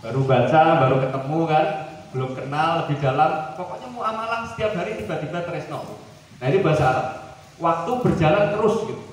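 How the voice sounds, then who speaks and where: A man's voice: a little high, brisk, slight background noise. Joking Javanese-accented man in echoey hall. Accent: Javanese-tinged Indonesian. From Central Java, Indonesia. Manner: joking, animated, drops into playful mock dialogues. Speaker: guest speaker at a seminar. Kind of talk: lively seminar talk. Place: large hall at a boarding school. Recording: echoey hall recorded from far off.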